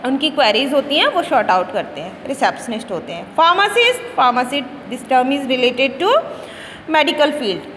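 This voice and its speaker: A woman English teacher with an Indian accent, switching between Hindi and English, repeating words slowly for pupils to drill their pronunciation. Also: sits high, very animated, a bit bright, long reverb tail, a little hiss or hum. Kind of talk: classroom lesson explaining words and pronunciation.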